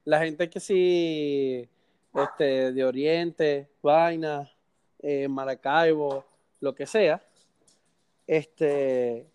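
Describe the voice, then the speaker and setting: A man's voice: fairly high pitch, fairly even intonation, very slow, a little mellow, clear, resonant tone. A young Venezuelan man from Ciudad Guayana, ranting with indignation and crude slang in casual chat as podcast co-host.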